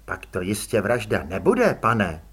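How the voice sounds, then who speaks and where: A man's voice: lowish voice, wildly swooping pitch, fairly bright tone, breathy edge, pitched below the performer's own voice, full character voice. A man voicing an earnest, simple young lance-constable who speaks politely.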